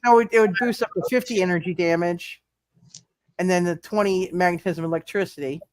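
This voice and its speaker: Running a superhero roleplay session live at the table, this game master has a fairly high voice and speaks in halting bursts, often repeating words as he sorts through the rules. The recording is dry, with no room sound at all.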